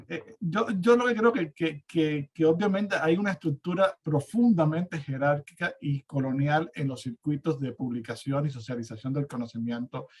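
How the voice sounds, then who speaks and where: Joining an online seminar by remote call, this university teacher from Cuba talks with a Cuban accent in a slightly high, mellow, somewhat rough voice. He's an academic panelist speaking off the cuff, pausing and repeating himself while working out his reasoning.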